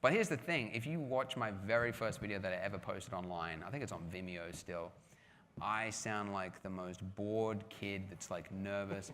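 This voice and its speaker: A man's voice: on the low side, normal speed, fairly bright tone. A man speaking casually at a live panel, chatty and self-deprecating, with lots of restarts and filler words. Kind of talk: casual conference talk with audience questions. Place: large hall with audience. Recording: long hall reverb with faint background noise.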